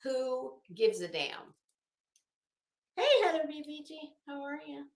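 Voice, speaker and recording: A blunt woman live streams as a commentary host, giving sarcastic, dramatic commentary that mixes reading aloud with off-the-cuff remarks and swearing. Her high voice is expressive at a measured pace. The sound is echoey and roomy.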